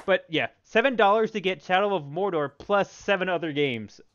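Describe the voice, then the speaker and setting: A man's voice: high-pitched, expressive, moderate pace, a bit bright, lo-fi sound, a little hiss or hum. A man hosting a casual gaming podcast, chatty and enthusiastic, often restarting his words. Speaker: podcast host.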